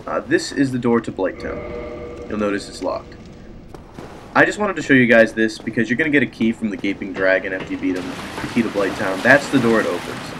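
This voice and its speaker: The let's play host here talks a little fast in a fairly low-pitched voice that sounds blocked up by a cold. His gameplay commentary is chatty and meandering, and the recording carries a steady background noise.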